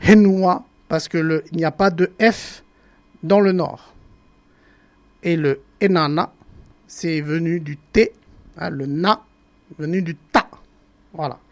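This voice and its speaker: A speaker from the Marquesas Islands, explaining how words changed in a deliberate broadcast talk that pauses often to search for words and repeats example words. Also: mid-range voice. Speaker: language presenter on a broadcast.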